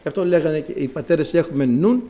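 A man preaching a sermon in an animated, emphatic way. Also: a little high. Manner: animated and emphatic, acting out quoted voices.

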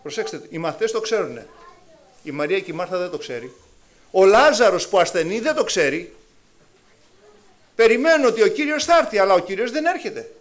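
A man gives a lively sermon to his flock, taking on the voices of biblical characters with sudden swings up and down. He speaks in a high voice and leaves long pauses.

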